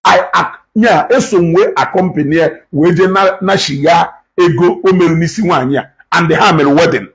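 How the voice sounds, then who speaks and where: A man's voice: on the high side, normal speed, few pauses, breathy edge, low-quality recording. A Nigerian man with an Igbo accent hosting a live stream, lecturing his viewers and switching between English and Igbo. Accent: Nigerian, Igbo-speaking. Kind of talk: casual live-stream commentary.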